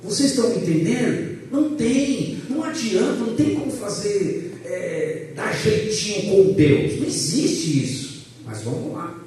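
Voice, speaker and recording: A high-voiced pastor from São teaches a church class, his pitch swinging widely as he jokes and puts questions to the room. He talks loudly and with a lot of energy. The recording is echoey and picked up from some distance. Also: measured pace, few pauses. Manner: loud, animated, jokes with the class and asks them questions. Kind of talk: lively church class lecture.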